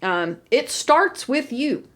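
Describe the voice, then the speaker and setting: A woman's voice: sits high, sing-song, slow pace, a bit bright. A woman co-hosting a podcast, ranting heatedly in casual chat and swearing freely. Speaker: podcast co-host.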